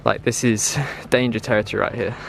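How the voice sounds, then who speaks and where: A man's voice: fairly low pitch, fairly even intonation, fairly quick, gravelly, a bit bright. Uneasy young Englishman vlogging outdoors. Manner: nervous, uneasy chatter. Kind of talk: casual vlogging while exploring. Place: outdoors in a forest at night. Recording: noisy outdoor camera audio.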